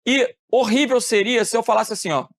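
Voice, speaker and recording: A man from Rio de teaching a lively classroom lecture, asking the students questions and answering them himself. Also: extremely high pitch, fairly quick, gravelly. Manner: animated, asks questions and answers them, acts out phone calls.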